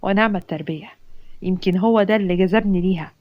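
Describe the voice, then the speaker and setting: A woman's voice: medium pitch, fast, dull audio, close to an everyday voice. A woman with an Egyptian Arabic accent voicing an easygoing, earnest young man who is smitten.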